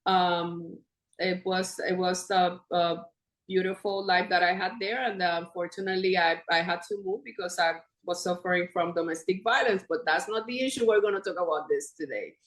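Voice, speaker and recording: A woman in her fifties from Puerto Rico, a podcast guest in casual conversation, animated and laughing often as she talks. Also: lowish voice, moderate pace. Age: 50s. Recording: echoey room.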